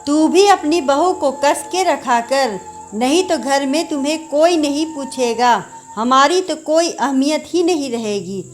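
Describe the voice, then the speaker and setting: A woman's voice: high voice, animated, measured pace, soft background music. A woman voicing a strict, domineering middle-aged mother-in-law in a storybook. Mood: scheming. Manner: bossy and scolding.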